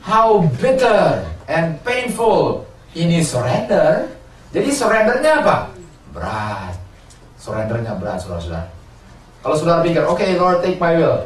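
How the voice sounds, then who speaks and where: A man's voice: a little high, big pitch swings, normal speed, slight background noise. A man preaching a sermon, asking his congregation questions and answering them himself. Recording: roomy, from a distance, faint ambience.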